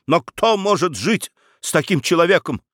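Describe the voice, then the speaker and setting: A quick-tempered aristocratic baroness in middle age, imperious and sharp in every retort, voiced by a man reading the story. Her voice sits well above his own and leaps about, and the recording is close and dry. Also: on the high side, animated, no room sound, voice pushed up.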